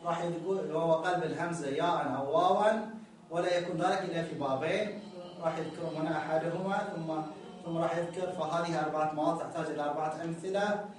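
A man's voice: fairly high pitch, steady tone, quick pace. A male teacher explaining a grammar lesson step by step, repeating words as he points at the text. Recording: echoey room, distant mic, faint noise.

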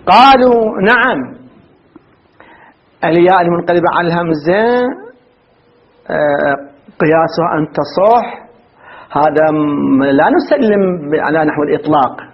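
A man's voice: on the high side, animated, measured pace, long pauses, highs cut off. A man teaching a grammar lesson who asks his students questions and then answers them himself, often repeating and restarting his phrases. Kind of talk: grammar lecture.

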